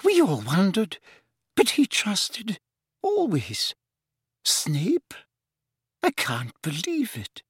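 A man's voice: high voice, wildly swooping pitch, extremely slow, pauses often, breathy edge, dry recording, studio quality, pitched above the performer's own voice, full character voice. A man voicing an older, stern woman professor in an audiobook, shocked and tearful, with a faint, wavering, distracted manner. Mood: faint disbelief.

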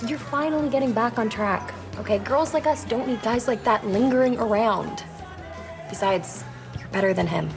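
A woman's voice: on the high side, normal speed, music in the background, lightly acted. A young woman playing a blunt, confident, teasing best friend in a TV drama. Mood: frank. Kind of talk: television drama acting.

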